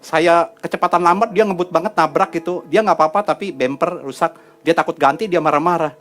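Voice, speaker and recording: Chatty middle-aged preacher, fairly high voice. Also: male voice, a little fast, fairly bright tone, soft background music. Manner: chatty storytelling with asides to the congregation. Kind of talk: sermon. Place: church hall.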